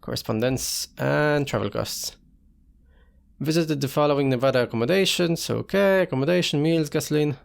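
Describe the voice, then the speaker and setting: A man's voice: fairly high pitch, moderate pace, vocal fry. A man giving casual gameplay commentary as a let's player, talking himself through the game and reading in-game text aloud.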